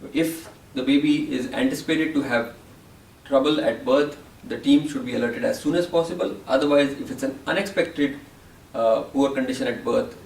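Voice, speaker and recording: A gravelly-voiced man calmly walks through the steps of newborn resuscitation as a teacher. He sits away from the mic, and the room around him echoes. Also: medium pitch, recorded from a distance, slight background noise. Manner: calm, step-by-step explaining. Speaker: medical educator. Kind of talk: teaching summary.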